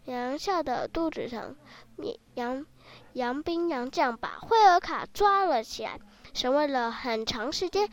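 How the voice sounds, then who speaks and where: A woman reading a children's story aloud in a lively, expressive way. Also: sits high.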